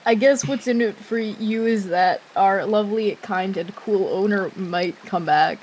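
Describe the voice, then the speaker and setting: A woman's voice: mid-range voice, measured pace, a little mellow, slight background noise, poor audio. A woman playing a tabletop game, talking hesitantly with lots of fillers. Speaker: player. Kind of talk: casual tabletop play.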